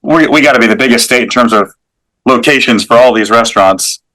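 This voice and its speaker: A man's voice: medium pitch, brisk, sharp tone, poor audio. A man hosting a studio interview show, talking with enthusiastic, effusive praise. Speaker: show host.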